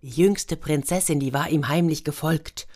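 A woman narrating a fairy tale in a gentle, expressive storytelling manner. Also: sits low, normal speed. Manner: gentle, expressive storytelling, brief voices for figures.

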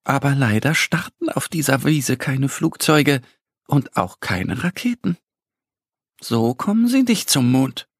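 A man narrating a children's story in a gentle, lively storytelling voice. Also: mid-range voice, unhurried, breathy edge, no echo, studio quality.

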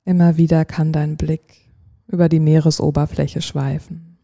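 A sleep-story narrator with a very dark, soft-edged voice leads a guided relaxation. The delivery is slow and soothing, with long pauses between short phrases. The pitch stays even and settles into a gentle creak. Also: no room sound.

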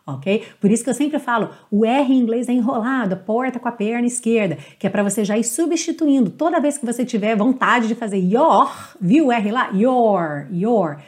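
A woman from Brazil teaching English pronunciation, explaining patiently and drawing out English lyrics slowly. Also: fairly high pitch. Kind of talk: pronunciation lesson.

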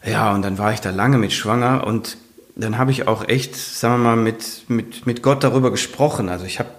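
A man's voice: on the low side, moderate pace. A man in his fifties, a firefighter and author, telling his story in a casual interview, earnest and rambling with many fillers and restarts.

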